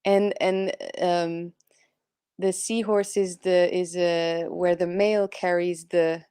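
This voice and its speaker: A woman's voice: fairly low pitch, little pitch movement, slow pace, warm tone, clear, resonant tone, no echo, clean studio sound. A woman speaking English as a second language, co-hosting a tarot live stream in a chatty way, laughing often. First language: not English. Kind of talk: casual chat.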